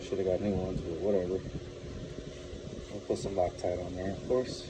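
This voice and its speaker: A man's voice: sits low, little pitch movement, moderate pace, noisy background. A man casually narrating his own truck axle repair in a workshop vlog, talking to himself as he works. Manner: muttering to himself while working. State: out of breath. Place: garage workshop, partly outdoors in wind.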